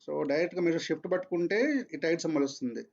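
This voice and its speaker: Guy teaching a coding class, kinda high voice, muffled lo-fi sound. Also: racing, darkish tone. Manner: repeats points, mixes English into Telugu. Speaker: programming teacher. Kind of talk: online class lecture.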